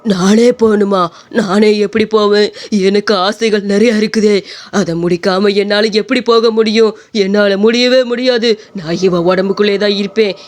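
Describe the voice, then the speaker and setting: Woman voicing a low, stubborn ghost lady in a cartoon story, defiant and clingy. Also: fairly even intonation, normal speed, darkish tone, natural voice. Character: vengeful female ghost possessing a young wife.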